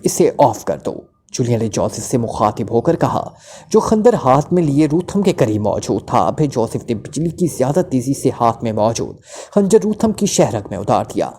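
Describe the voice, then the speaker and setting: A man reading a spy thriller novel aloud as the narrator, telling it steadily. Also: medium pitch. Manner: steady storytelling, shifting into character voices. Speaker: story narrator.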